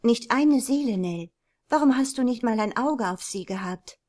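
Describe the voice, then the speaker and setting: Woman doing a frantic storybook widow, pleading, high and pushed. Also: lively intonation, moderate pace, darkish tone. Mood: worried. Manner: urgent, pleading. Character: anxious widowed Irish mother, frantic.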